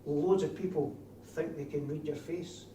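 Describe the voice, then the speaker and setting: Male instructor, broad Scottish accent, very mellow tone, classroom teaching, recorded at a distance from the mic. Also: a little high, steady tone, normal speed. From Scotland. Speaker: trainer of door supervisors. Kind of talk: classroom instruction with questions to trainees. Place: indoor training classroom. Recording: distant mic, echoey room, faint noise.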